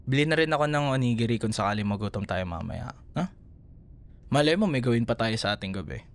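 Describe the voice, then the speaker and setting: This is one-sided ASMR roleplay: a man with a Filipino accent, his voice mid-range, expressive, fast and natural, plays a young boyfriend reassuring a scared partner. He's affectionate and playful, tender yet teasing, and laughs softly often.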